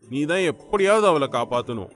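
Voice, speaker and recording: A man's voice: a little high, big pitch swings, a little fast, a bit bright. A man voicing a distraught middle-aged father pleading to God for his daughter, in an audiobook. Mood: grieving plea. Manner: pleading, lamenting. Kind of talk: audiobook character voice.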